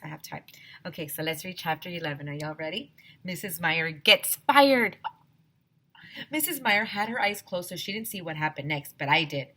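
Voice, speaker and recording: This is a woman teacher bringing a children's story to life for the kids in front of her, expressive and emphatic in delivery. Her voice leans low.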